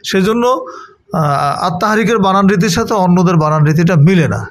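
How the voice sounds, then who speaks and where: A male guest on a talk show, explaining slowly and haltingly, spelling out letters and sounds with many pauses and fillers. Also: high voice, expressive, slight background noise. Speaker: magazine editor, guest.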